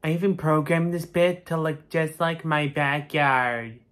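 A man voicing a boastful, nerdy young cartoon raccoon who shows off with drawn-out words. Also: fairly high pitch, steady tone, a bit bright. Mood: proud.

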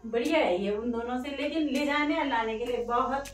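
With a high-pitched, brisk voice, the same family vlogger chats casually and repetitively, filming on her phone in the living room. The sound is reverberant and music plays in the background.

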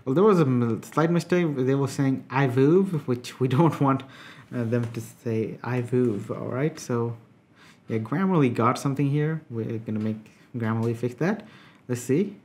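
A man giving a relaxed, conversational software tutorial, talking through each step with frequent filler words. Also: mid-range voice, a little slow. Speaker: software reviewer. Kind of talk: casual screen-recorded tutorial.

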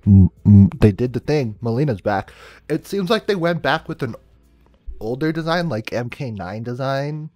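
Excitable young man reacting to a trailer. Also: medium pitch, moderate pace, no echo, soft background music. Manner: excitable, swings from mumbling to loud outbursts. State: cold and shivering, early morning. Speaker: reaction streamer. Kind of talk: casual reaction commentary.

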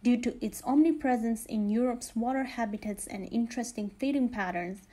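A woman's voice: on the high side, brisk, warm tone. A woman reading scripted nature documentary narration in a formal, informative manner.

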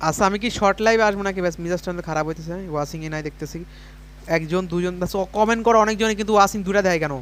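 A man's voice: sits high, very fast, a bit bright. A young man, chatting casually on a gaming livestream while reading out viewer comments and urging viewers to send coins. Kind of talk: casual live stream chat.

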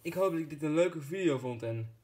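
A man narrating a scripted video as its host, in a deadpan, playful manner. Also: on the high side, a little fast.

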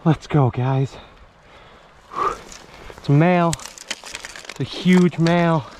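Slow and a little high-voiced, a young man gives casual vlog commentary while fly fishing at a winter creek, speaking into an action camera held at arm's length or mounted on his chest. Landing a fish leaves him excited and out of breath as the stream flows faintly in the background.

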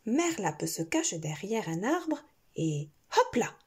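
A woman's voice: medium pitch, breathy edge. A woman storyteller reading a picture book expressively, as if to a toddler. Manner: slow, animated, reading as to a toddler.

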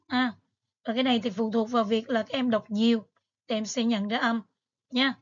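A woman's voice: a little high, steady tone, normal speed, dull audio. A woman teacher, patiently going over exam material step by step with frequent fillers. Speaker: English teacher. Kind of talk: exam review lesson.

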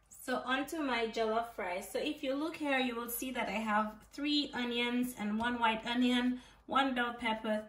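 A woman's voice: a little high, fairly bright tone. A woman hosting a casual home cooking tutorial, talking through each step and often checking in with "okay?". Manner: chatty, ends phrases with "okay?". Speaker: cooking channel host. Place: home kitchen. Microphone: off-camera camera mic, overhead framing. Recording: echoey kitchen, voice from a distance.

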